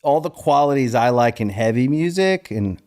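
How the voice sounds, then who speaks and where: A middle-aged man hosting a casual interview, relaxed and sharing his own stories. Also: mid-range voice, moderate pace. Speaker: podcast host.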